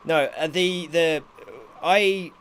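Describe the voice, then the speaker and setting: A man's voice: on the high side, slow pace, a bit bright. A man co-hosting a casual tech show, hesitant and thinking aloud. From New Zealand. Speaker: co-host of a live tech show. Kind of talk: casual unscripted tech chat. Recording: noisy, rain drumming on roof behind. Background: heavy rain on the roof.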